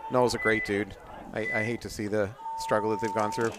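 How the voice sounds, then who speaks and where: A man's voice: lowish voice, level tone, brisk, heavy background noise. A man co-hosting live paintball commentary in a chatty, joking way. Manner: joking, chatty, laughs often.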